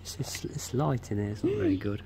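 A man's voice: medium pitch, huge pitch swings, moderate pace, creaky, background noise. Jokey man filming outdoors. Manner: jokey, laughs often, teasing. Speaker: cameraman and magnet fishing partner. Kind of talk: casual outdoor banter. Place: canal towpath outdoors.

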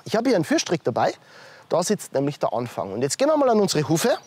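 Lively man coaching horse handling. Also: fairly high pitch, fast talker, slightly rough. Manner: talks to the horse in soft praise between explanations. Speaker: horse trainer. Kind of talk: hands-on training demonstration. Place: outdoors with a horse.

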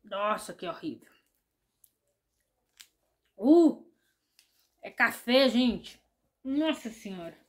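A woman's voice: fairly high pitch, animated, extremely slow, pauses often. A woman chewing while she talks in a casual taste-test vlog, chatting straight to her viewers. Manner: chatty, addresses viewers directly. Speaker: vlogger.

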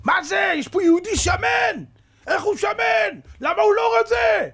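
A man voicing a brutal male Nazi officer who screams furious orders in a very high, strained voice. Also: lively intonation, a bit bright, raised voice, heavily acted. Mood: furious shouting.

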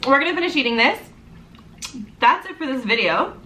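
Young woman, vlog co-host, playful and giggly, bright and slightly high, distant mic. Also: very animated, a little fast. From Canada. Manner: playful, giggly, short remarks. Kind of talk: casual food review vlog. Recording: echoey room, mic at a distance, faint noise.

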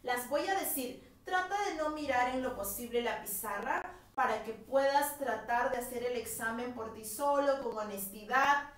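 A woman's voice: fairly high pitch, moderate pace. A woman teaching an English grammar lesson in a live class, energetically coaxing viewers to answer in the comments. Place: room with a whiteboard. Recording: echoey room, voice from a distance.

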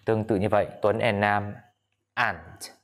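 Low-voiced man teaching English grammar. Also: steady tone. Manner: patient, asks students questions, repeats examples slowly. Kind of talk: whiteboard grammar lesson.

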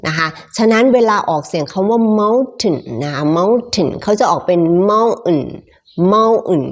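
A woman leads a pronunciation lesson at an unhurried pace, with a voice of middle pitch. She repeats each English word several times and adds polite particles throughout. Her tone stays patient and instructive.

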